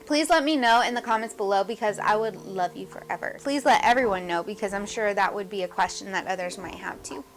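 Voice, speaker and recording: A woman's voice: mid-range voice, fairly quick, few pauses, soft background music. A woman hosting a casual cooking demonstration, chatty and upbeat, often speaking straight to her viewers with questions. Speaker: cooking show host.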